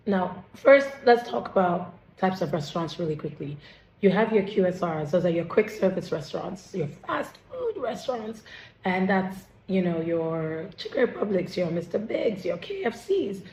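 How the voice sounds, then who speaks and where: A woman chef with a hoarse, lost voice, casually explaining restaurant types while at work in her restaurant. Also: on the low side, big pitch swings, a little mellow, reverberant, slight background noise, rough recording. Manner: candid, listing examples quickly. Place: restaurant during dinner service.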